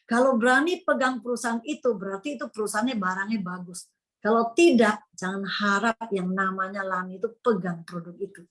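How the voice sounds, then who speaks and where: An older woman from Indonesia, telling her story to an audience with animated storytelling and acted-out quotes. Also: mid-range voice, a little fast. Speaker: speaker at a sales meeting. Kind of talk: motivational testimony to an audience.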